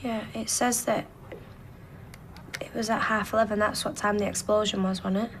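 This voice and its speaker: A woman's voice: mid-range voice, steady tone, moderate pace, natural voice. Actress playing suspicious young woman, keeps probing, soap drama, faint noise behind. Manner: probing, accusing.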